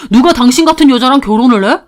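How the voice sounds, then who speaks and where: A cold, sneering husband, as a woman narrator plays him, speaking in a flat, belittling tone. His voice stays near the storyteller's own, with no real deepening, only a curt, dismissive edge. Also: very fast, natural voice. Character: blunt, sneering husband, a man.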